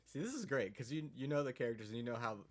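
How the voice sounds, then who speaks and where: A man's voice: medium pitch, expressive, rapid-fire. Hesitant man reading a game aloud. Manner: hesitant and laughing often. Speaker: first-time player reading the game aloud. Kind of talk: reading game text aloud, casual chat.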